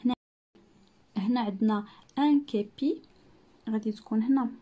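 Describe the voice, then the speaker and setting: A woman teacher with a Moroccan Arabic accent, explaining exercises patiently, repeating words and sounding out French syllables slowly. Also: a little high, warm tone, breathy edge. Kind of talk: classroom-style lesson narration.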